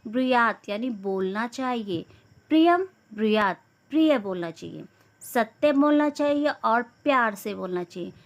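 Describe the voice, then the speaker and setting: Woman explaining verses word by word. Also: on the high side. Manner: reads verse, then explains each word; corrects herself mid-sentence. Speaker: teacher. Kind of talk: Sanskrit lesson, verse by verse explanation.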